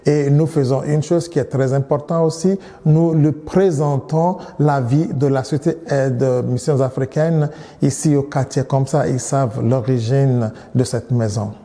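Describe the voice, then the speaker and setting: Dark-voiced Nigerian-born priest in a hall. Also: male voice, mid-range voice, steady tone. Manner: measured, with frequent restarts and repeated words. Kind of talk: interview answers.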